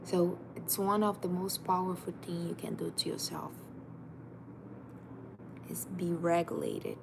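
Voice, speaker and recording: This life coach, a woman in her thirties with Portuguese as her first language, gives an emphatic motivational livestream, directly and repeatedly addressing "you." Her lowish voice is gravelly, steady in tone and unhurried, and the background is noisy.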